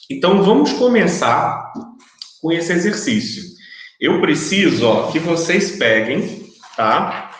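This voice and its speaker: A man's voice: mid-range voice, a bit bright. A man giving a recorded online university lecture, explaining step by step and often checking that students follow along. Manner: explanatory, checks understanding with frequent tags. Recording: very echoey room.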